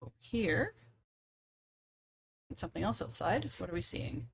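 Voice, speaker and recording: Chatty woman streamer, lively pitch. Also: moderate pace, creaky. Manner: muttering to herself while solving puzzles, dry sarcastic asides. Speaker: streamer playing a puzzle game. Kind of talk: casual live-stream commentary.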